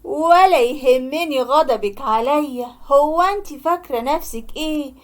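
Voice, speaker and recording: A woman's voice: high-pitched, measured pace. A woman voicing a defiant young Egyptian man. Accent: Egyptian Arabic. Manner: curt, defiant. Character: defiant young man, harsh to his mother. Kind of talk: storybook cartoon narration.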